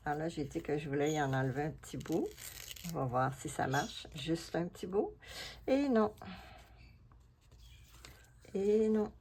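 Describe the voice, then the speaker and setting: A woman with a Québécois accent and a low, deep-set voice talks through her collage work in a casual craft vlog. She muses aloud in an unhurried, chatty way, half to herself and half to her viewers. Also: animated, a little mellow, a little hiss or hum. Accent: Québécois French. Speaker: collage artist. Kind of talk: casual craft vlog, talking while working.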